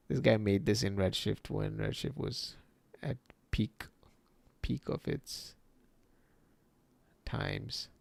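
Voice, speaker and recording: Man, low voice, strong vocal fry, casual livestream host, rambling, answers chat, laughs a lot. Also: very slow, pauses often, no room sound. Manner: relaxed, rambling, reacts to viewer chat; laughs often, swears casually.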